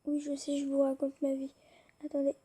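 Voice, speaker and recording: High-voiced young woman, rambling casually. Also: monotone, brisk, mellow. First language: French. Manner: rambling, hesitant, many fillers. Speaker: YouTuber showing her tablet apps. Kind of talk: casual screen-recorded chat.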